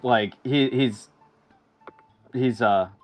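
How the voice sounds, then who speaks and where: A man narrating a tabletop game as game master, halting and restarting his sentences. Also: mid-range voice.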